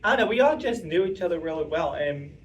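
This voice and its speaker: Chatty young man, slightly high voice. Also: lively intonation, quick pace. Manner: chatty, rambling, self-interrupting with fillers. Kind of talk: casual talk answering audience questions. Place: meeting room with audience. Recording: distant voice with faint room noise.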